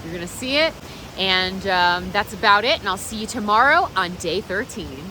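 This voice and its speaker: A woman with a mid-range voice speaks at a moderate pace, reflecting off the cuff outdoors and encouraging the viewer directly. She is a vlogger and meditation practitioner giving unscripted, reflective vlog talk. The recording is clear, with steady background noise.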